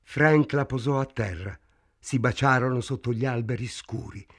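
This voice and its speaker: A man reading a novel aloud in a measured, dramatic narration. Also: medium pitch. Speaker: audiobook reader. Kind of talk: scripted literary narration.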